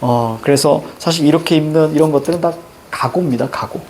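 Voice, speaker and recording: In a classroom with a blackboard, a middle-aged man gives a reading lesson as a lecture, telling students step by step what to underline and circle. His voice is on the high side and he talks fast, with a little hiss or hum in the recording. He is animated and directive, drilling the class through each reading step.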